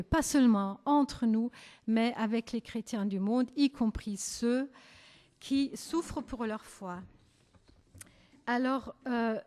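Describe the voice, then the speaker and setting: A woman with a German accent leading a church service, speaking gently and hesitantly with frequent pauses and self-corrections. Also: a little high. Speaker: service leader. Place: church hall. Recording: long church-hall reverb.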